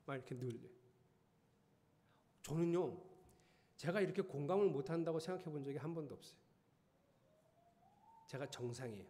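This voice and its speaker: A middle-aged man preaching in a church sanctuary, relaxed and conversational, often teasing his listeners with questions. His voice sits somewhat high for a man. Long reverb from the hall follows him. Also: moderate pace, pauses often. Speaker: pastor. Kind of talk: sermon.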